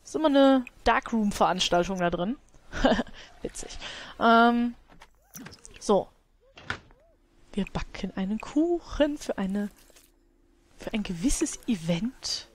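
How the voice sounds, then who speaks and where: A woman's voice: mid-range voice, lively intonation, slow pace, pauses often, slight background noise. A woman hosting a let's play, commenting casually on her game and scolding her characters with exasperated, laughing outbursts.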